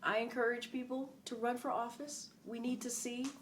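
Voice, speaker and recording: A middle-aged former press secretary talks as a guest in a conversational interview, earnestly and emphatically, frequently repeating key phrases. Her voice is a little high and a bit bright, level in tone and at normal speed, with slight background noise.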